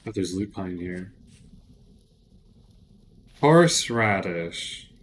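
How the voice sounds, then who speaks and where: A man's voice: medium pitch, a little slow, a little hiss or hum. A man giving casual gameplay commentary on a livestream, thinking aloud and joking with his chat. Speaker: streamer.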